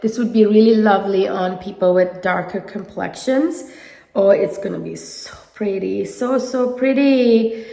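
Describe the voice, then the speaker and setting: A woman's voice: medium pitch, unhurried, vocal fry, warm tone, roomy sound, big-room sound. A woman with a nasal head cold reviewing makeup in a casual, gushing way, talking to her viewers. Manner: gushing, enthusiastic. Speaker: beauty vlogger.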